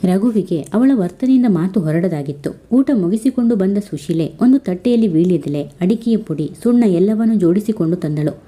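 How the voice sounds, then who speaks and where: A woman narrating a family love story at a calm, even reading pace. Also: on the low side.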